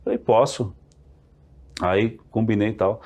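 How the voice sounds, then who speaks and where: A man, a podcast guest telling a religious testimony in an animated way, acting out the dialogue. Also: on the low side, unhurried. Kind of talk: testimony storytelling.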